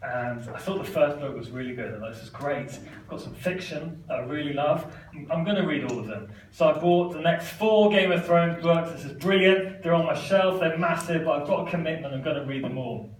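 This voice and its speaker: A man's voice: fairly high pitch, fairly quick, few pauses. Man doing stand-up, echoey and distant. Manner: chatty, self-deprecating, laughing often. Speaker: stand-up magician. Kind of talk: stand-up comedy with magic tricks. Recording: echoey room, mic from far off, noisy.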